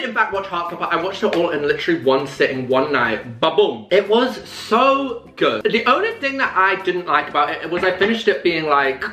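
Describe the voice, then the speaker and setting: A man's voice: high voice, pushed and bright, roomy sound. A British man in his twenties chatting to camera in a camp, playful, self-mocking way while eating. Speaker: vlogger. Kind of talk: casual chat to camera. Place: indoor room with an open window.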